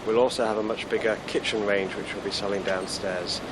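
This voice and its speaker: Low-pitched man answering interview questions. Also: fairly even intonation, a little fast, noisy background. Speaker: store manager.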